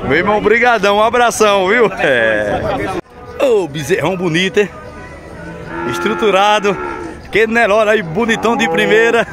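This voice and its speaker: A man's voice: high-pitched, expressive, moderate pace, over music. Upbeat Northeastern Brazilian man at a cattle fair. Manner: chatty, upbeat, calls out to viewers and greets sellers. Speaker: vlogger touring a cattle market. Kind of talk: casual walk-around vlog with interviews. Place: outdoor cattle market, busy crowd. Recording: loud crowd noise outdoors.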